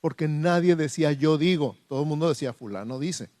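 A man, a pastor praying softly and then preaching with emphasis in a church. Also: on the high side, brisk, no room sound, studio quality. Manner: emphatic preaching, soft prayer. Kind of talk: sermon.

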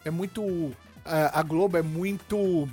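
A woman hosting a radio gossip show, interviewing a guest casually with halting, restarting phrases. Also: lowish voice, steady tone, mellow, faint music behind.

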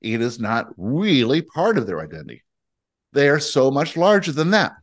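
A man acting as a spiritual teacher in a guidance session. He speaks as a collective "we" and works through slow, emphatic lists. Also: mid-range voice, very animated. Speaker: spiritual teacher answering questions.

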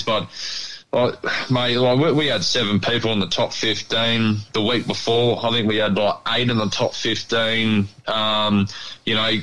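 A man's voice: lowish voice, a bit bright, rough recording. An Australian man chatting casually as a radio guest in a rambling, blokey way. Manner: blokey, rambling, peppered with "mate". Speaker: radio interview guest, pigeon club member. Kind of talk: casual chat.

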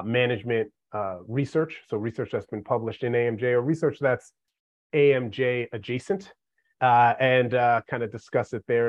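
A man's voice: mid-range voice, no echo, lo-fi sound. A man in his forties, a podcast guest, talking in a laid-back, joking, self-mocking way. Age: 40s. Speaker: podcast guest, management professor. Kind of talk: casual chat.

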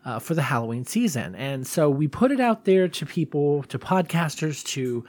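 A man's voice: on the high side, very animated, normal speed, a little mellow, no echo. A man hosting a solo podcast in a casual, confessional way, rambling and self-deprecating. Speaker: podcast host.

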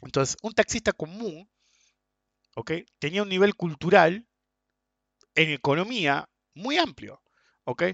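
A man's voice: high-pitched, animated, a little slow, vocal fry, pauses often, fairly bright tone, dry recording. A man with an Argentine accent ranting in a casual monologue, blunt and crude, often tagging his sentences with "ok?" and "viste?". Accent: Argentine Spanish. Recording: dull, lo-fi and dry.

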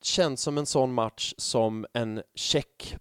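A man in his thirties chatting casually on a fan podcast, telling stories in an animated way with plenty of swearing. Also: medium pitch, clear, resonant tone, dry recording, clean studio sound. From Sweden. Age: 30s. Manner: animated storytelling with lots of swearing and fillers. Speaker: podcast co-host.

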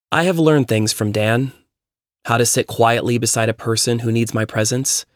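A man narrating a personal essay in a measured, reflective reading voice. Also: medium pitch, no echo, studio quality.

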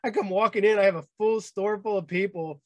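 A man's voice: high-pitched, fairly even intonation, fairly quick, dry recording. A man hosting a podcast, telling long rambling stories in casual chat, full of fillers and laughs. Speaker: podcast host.

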